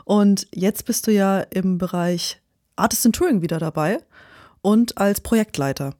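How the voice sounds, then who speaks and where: An interviewer with a mellow, warm tone asks questions in a friendly, easygoing way, hedging often. The recording is dry and close. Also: mid-range voice, measured pace, no room sound.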